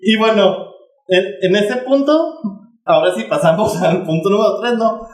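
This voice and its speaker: A man's voice: high-pitched, animated, normal speed, echoey room. A man with a Mexican Spanish accent, co-hosting a casual podcast chat and rambling with fillers and restarts. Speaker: podcast co-host.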